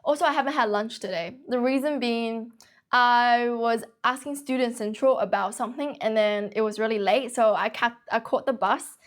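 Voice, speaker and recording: Young woman, from China, first language Chinese, fairly high voice, brisk chatty livestream tutor. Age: young adult. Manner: brisk, chatty, refuses to slow down. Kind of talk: casual livestream chat answering viewers. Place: office.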